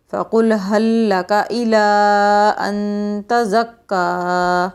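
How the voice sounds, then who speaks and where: A woman teaching children Quran recitation in a lesson, patient and encouraging, drawing out the verses slowly and then explaining quickly. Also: medium pitch.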